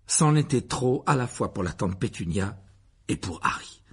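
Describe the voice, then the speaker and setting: A man narrating a children's novel aloud, expressive, often dropping to a hush at the ends of phrases. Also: fairly low pitch, moderate pace, slightly rough. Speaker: audiobook narrator. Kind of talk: scripted narration.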